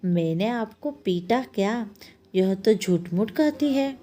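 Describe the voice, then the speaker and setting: Woman doing a naughty boy, innocent talk-back, slow, singsong. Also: mid-range voice, expressive, dark tone, pitched above the performer's own voice. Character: mischievous but innocent young boy.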